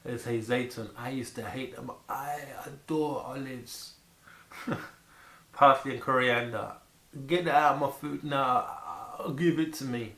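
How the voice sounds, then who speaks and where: A man chatting casually and excitedly to camera about food, rambling and repeating words for emphasis. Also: mid-range voice, a little slow. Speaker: vlogger presenting food to camera. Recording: echoey room with faint background noise.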